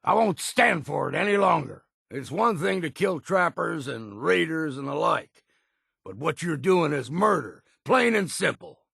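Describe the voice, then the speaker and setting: An actor playing a gruff, stubborn old seafarer in a video game, with a gravelly, raspy voice and a plain-spoken, folksy, weary but loyal manner. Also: male voice, on the high side, expressive, measured pace, sharp tone, no room sound, studio quality, exaggerated voice. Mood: indignant, stern. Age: older. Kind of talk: video game character dialogue.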